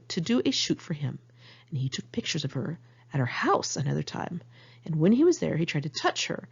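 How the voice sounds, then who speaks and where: The recording is muffled and amateurish, lo-fi throughout. A woman with a lowish voice, vocal fry, and a slightly rough, a little mellow quality narrates her memoir frankly and conversationally, like a one-take homemade audiobook.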